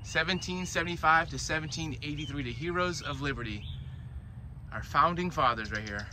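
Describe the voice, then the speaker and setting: Bright-voiced man giving a walking tour. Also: fairly high pitch, brisk. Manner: tour guide showing and explaining sights. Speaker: tour guide. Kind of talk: vlog walking-tour narration. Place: outdoors in a public park. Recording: outdoor recording with urban ambient noise.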